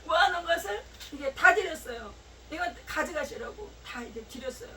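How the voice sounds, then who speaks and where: A woman pastor gives an emotional sermon in a high voice, her telling building from quiet asides to loud, tearful exclamations. She sounds a little away from the microphone, with faint background noise in a small church. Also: expressive, a little fast, distant mic, rough recording. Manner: emotional storytelling, voice rising to shouts and near tears. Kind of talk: sermon with a personal story.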